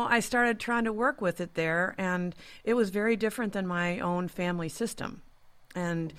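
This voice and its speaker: A woman hosting a podcast, talking in a reflective, earnest way and often murmuring agreement. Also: lowish voice. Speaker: podcast host. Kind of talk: conversational podcast talk.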